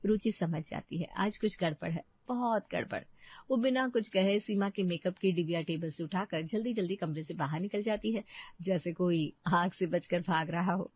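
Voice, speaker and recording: A woman narrating a cartoon story in a dramatic, expressive way. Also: fairly low pitch, normal speed, dry recording. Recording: dull lo-fi voice track.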